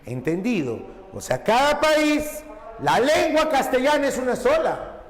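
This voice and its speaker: High-voiced Peruvian man teaching. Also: very animated, unhurried. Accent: Peruvian Spanish. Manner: repeats points and checks for understanding. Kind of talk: classroom lecture. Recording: echoey hall with faint background hum.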